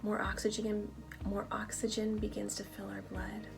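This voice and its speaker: Woman leading slow, hushed breath prayer, creaky voice. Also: medium pitch, little pitch movement. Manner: slow, soft, breathy delivery with long pauses. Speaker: spiritual practice guide. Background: music.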